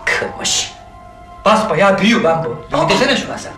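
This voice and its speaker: A man's voice: high-pitched, animated, moderate pace. A raging young man who thinks he's cursed. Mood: suspicious. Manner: shouting, cursing, frantic. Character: furious young man sure he is bewitched. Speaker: film character. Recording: echoey room with loud music.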